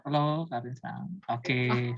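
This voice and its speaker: A woman's voice: very deep voice, fairly even intonation, slow, no echo. A woman casually hosting an online talk. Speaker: host. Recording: dull, dry online-call audio.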